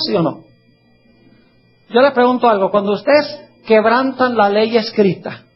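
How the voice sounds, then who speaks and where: A man preaching a sermon, reading scripture slowly and putting questions to his listeners. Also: high-pitched, husky. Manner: asks the audience questions, reads scripture slowly. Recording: dull lo-fi recording.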